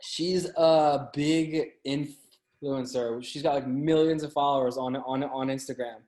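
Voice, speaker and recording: In a roomy, echoey recording, a podcast guest chats casually and tells stories haltingly, frequently stumbling and repeating himself. His mid-range voice holds a steady, slightly mellow tone.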